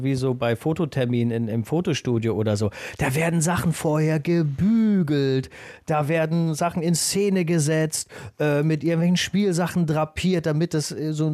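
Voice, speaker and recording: A man's voice: on the high side, darkish tone, no room sound, clean studio sound. A man co-hosting a podcast in a casual chat, musing and reflecting with a slightly hesitant delivery. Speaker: podcast co-host.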